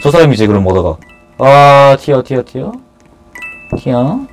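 A man giving casual commentary on an online game he is playing, swinging between loud cheers and nervous muttering. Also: medium pitch, expressive, a little slow, faint music behind, rough recording. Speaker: gaming YouTuber.

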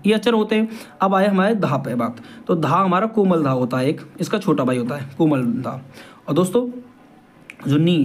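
A man's voice: high voice, darkish tone. A man teaching the harmonium in a casual lesson, patient, repeating each point and asking the viewer questions.

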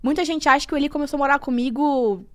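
A young Brazilian woman talks quickly in a high voice, telling a story as a podcast guest. She is frank, swears casually and acts out the lines of the people in her tale. The sound is dry and close. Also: no room sound. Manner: animated, acts out quoted dialogue, frank and swears freely. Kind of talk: casual chat, personal storytelling.

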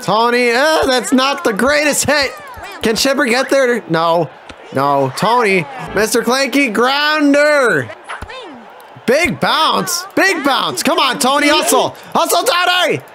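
A man calls his baseball video game live, his voice sitting very high and leaping up and down as he yells and curses at his fielders. He talks at a slow, drawn-out pace between outbursts. Game music plays clearly behind him. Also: slight background noise. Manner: excitable, swears and yells at the players. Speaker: gaming YouTuber. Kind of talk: live gameplay commentary.

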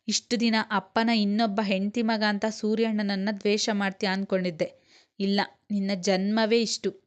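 A woman's voice: medium pitch, natural voice. Woman voicing an indignant young man, scornful, in a mid-range voice. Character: angry young man scolding his mother.

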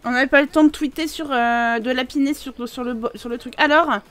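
A young woman giving chatty, excitable commentary while playing a life simulation game, laughing often and exclaiming. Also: sits high, a little fast. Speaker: gaming video host. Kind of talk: casual Let's Play commentary.

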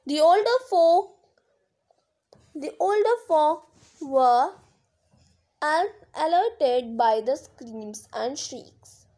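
Female storybook reader, high pitch, slow and careful, occasionally tripping on words. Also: animated, dark tone. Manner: careful reading with occasional stumbles and self-corrections. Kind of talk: reading a children's story aloud.

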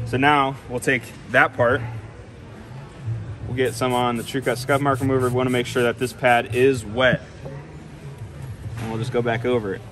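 A young man with a mid-range, fairly bright voice gives a casual, hands-on product demonstration, explaining each step plainly. He is in a large carpeted indoor venue, and the busy public room carries background chatter and crowd murmur.

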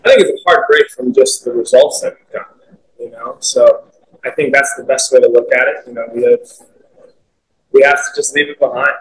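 A young man, a soccer player, fields press questions in an indoor team media room after a loss, sounding upbeat and candid and saying "you know" a lot. His mid-range voice holds a steady tone at a brisk pace, and the recording quality is low.

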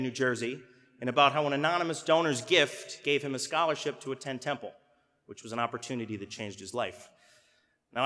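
Young male commencement speaker, bright forceful oratory, podium mic, long arena reverb. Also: medium pitch. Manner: rousing oratory, rises to shouts. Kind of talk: formal commencement speech. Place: large arena stage at a podium. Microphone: podium microphone.

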